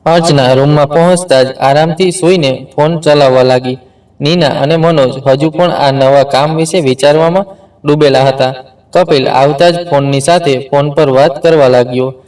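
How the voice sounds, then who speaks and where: A man's voice: fairly high pitch, steady tone, moderate pace, darkish tone, far from the mic, low-quality recording. Man narrating an emotional family story.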